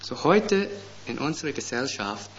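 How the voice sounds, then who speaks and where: A middle-aged man preaching a sermon, slow and deliberate, pushing up hard on key words. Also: medium pitch, very animated, fairly bright tone. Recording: dull lo-fi sound with faint background noise.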